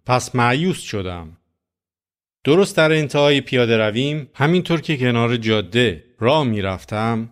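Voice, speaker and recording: A man preaching a sermon, telling a personal story in an earnest, conversational way. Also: medium pitch.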